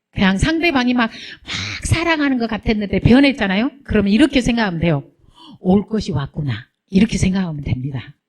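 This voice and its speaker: Lively Korean woman pastor preaching. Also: mid-range voice. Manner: lively, rhetorical questions to the congregation, teasing. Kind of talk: sermon.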